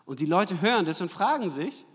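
Lively preacher in a reverberant hall. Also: male voice, sits high, a little fast. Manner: lively preaching with rhetorical questions and tag "ja?". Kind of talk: sermon. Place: church hall. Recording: long church hall reverb.

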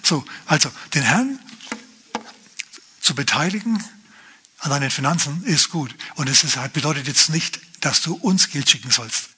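A male pastor preaching a lively, chatty sermon, often turning to his listeners with asides. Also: on the high side, normal speed, slight background noise.

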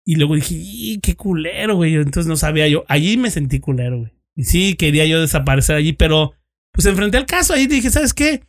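A man's voice: a little high, expressive, fast. A man with a Mexican accent, a former police investigator, telling a story to friends in casual chat, swearing freely and acting out both sides of the dialogue.

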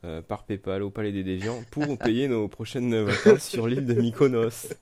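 A man hosting a podcast in casual chat, relaxed and joking, with hesitant fillers. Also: mid-range voice, moderate pace. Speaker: podcast host.

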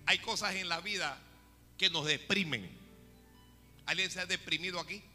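A male preacher giving an animated sermon and talking straight to the congregation in an echoing church hall. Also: high voice, moderate pace. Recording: echoey hall with faint music.

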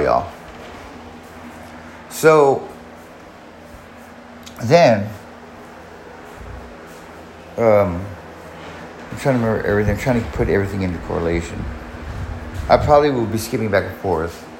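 A man in his forties tells a long, rambling personal story on his podcast, swearing and starting over frequently. His low voice is animated, his pace moderate with long pauses, and the echoey room has faint background noise.

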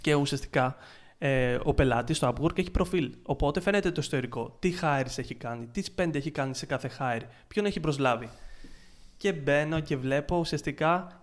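Casual podcast co-host, man, fairly high voice, excitable and restless. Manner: excitable, swearing, retelling frustration with many restarts. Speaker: podcast co-host, freelance ads marketer.

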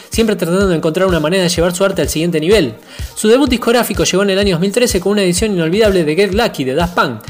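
A man presenting a radio music show, reading artist introductions in an announcer's delivery. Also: high-pitched. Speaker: radio host.

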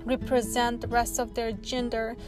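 A woman from Afghanistan talking earnestly on her solo podcast, pausing often with ums and uhs. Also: fairly high pitch, level tone, over music. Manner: earnest, halting, many ums.

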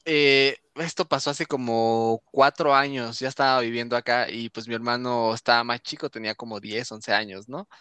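A young man with a Mexican accent telling a funny story in casual chat, animated, often laughing and acting out what he said. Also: mid-range voice, moderate pace, few pauses, clear, resonant tone, no echo. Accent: Mexican Spanish. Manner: animated, laughs often, acts out his own lines.

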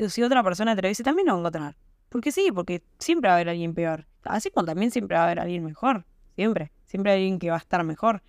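Mid-range and a little mellow, this studio-quality voice with no echo belongs to a young woman hosting a podcast in an Argentine Spanish accent. Her casual monologue is emphatic and full of rhetorical questions.

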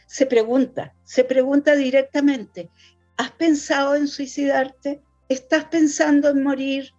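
A woman explaining suicide prevention in a calm, measured way, often checking in with the listener. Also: fairly high pitch. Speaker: mental health educator. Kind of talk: explanatory talk. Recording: dull lo-fi sound with faint music.

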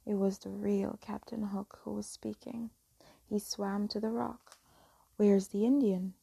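A woman telling a fairy tale as a soft, slow, whispered bedtime story reading. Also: medium pitch, level tone, creaky, breathy edge, dry recording, rough recording.

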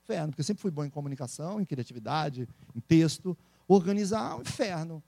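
A man with a Brazilian accent, a speaker and entrepreneur, telling stories in a casual interview with animated laughter. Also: on the high side, vocal fry, no echo. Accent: Brazilian Portuguese. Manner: animated, laughing, quick storytelling.

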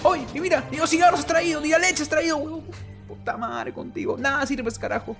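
A man's voice: very high voice, brisk, music in the background, voice pushed up. A man shrieking as a frantic Peruvian widow. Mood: furious. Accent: Peruvian Spanish. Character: hysterical grieving widow searching for husband.

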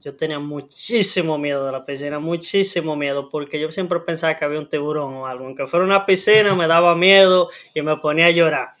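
A young man with a Dominican Spanish accent, a guest telling stories in a relaxed, chatty way and acting out sounds. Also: a little high, fast talker, few pauses. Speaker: guest, Olympic swimmer. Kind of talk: casual storytelling.

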